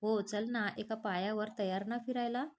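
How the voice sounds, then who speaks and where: A woman's voice: medium pitch, fairly even intonation, moderate pace, close to an everyday voice. A woman voicing a playful, innocent and cheeky young woman in a read-aloud storybook.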